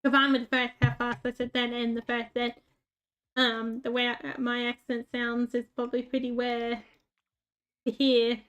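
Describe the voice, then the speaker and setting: This woman plays a game on YouTube and chats casually in a rural Australian accent, rambling through plenty of fillers and self-mocking jokes. Her voice sits on the high side, a bit bright and clean, delivered flatly at normal speed, though the audio is dull.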